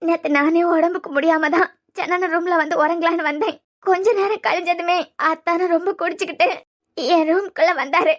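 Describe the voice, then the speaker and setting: A woman's voice: very high-pitched, fairly even intonation, fairly quick. Woman voicing a despairing young bride-to-be. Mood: tearful. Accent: Kanyakumari Tamil. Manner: tearful, despairing. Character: distraught young woman, newly engaged. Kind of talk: cartoon serial voice acting.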